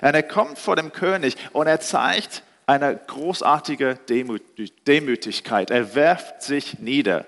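A male preacher retells a scripture story, animated and expressive, often speeding up or slowing down. His voice sits slightly high. A long hall reverb trails behind it. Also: creaky. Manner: storytelling, animated, with shifting pitch and pace.

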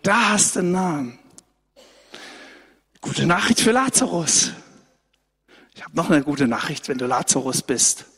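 A man delivers a sermon in a casual, conversational way, often turning to the congregation to check they are following. His voice sits fairly high and has a husky edge. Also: unhurried, pauses often, in a large hall. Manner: lively, conversational preaching, addresses the congregation directly with frequent "ne?". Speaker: pastor. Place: church hall.

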